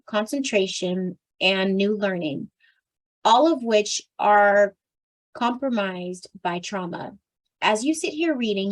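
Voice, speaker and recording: A tired, slightly strained woman reading a nonfiction book aloud for a book club, now and then clearing her throat and restarting a stumbled phrase. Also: mid-range voice, poor audio. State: tired, voice strained from much talking.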